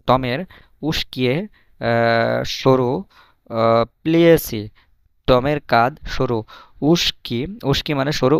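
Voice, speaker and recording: A man teaching foreign words, repeating each one several times and pausing with fillers as he explains. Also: mid-range voice, gravelly, clear, resonant tone, no room sound. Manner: repeats each word slowly, many fillers. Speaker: language teacher. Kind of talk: explaining vocabulary.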